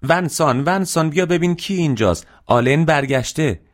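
A man voicing an excited mother who calls out with joy in a storybook reading. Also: a little high, voice pushed up, natural voice. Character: excited mother overjoyed at her son's return.

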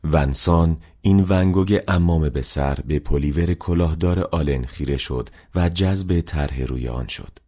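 Deep-voiced man narrating a novel. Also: mellow. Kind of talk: audiobook narration.

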